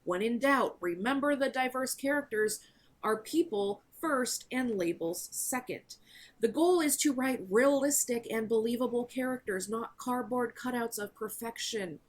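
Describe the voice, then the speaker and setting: Higher-voiced woman giving writing advice. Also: unhurried. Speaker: author video creator. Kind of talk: scripted talk to camera.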